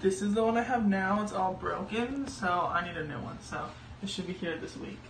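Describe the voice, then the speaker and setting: A woman's voice: medium pitch, normal speed. A young woman filming a casual home vlog on her phone, talking in a wry, joking, offhand way. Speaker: vlogger. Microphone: phone held by hand. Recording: phone recording with noise.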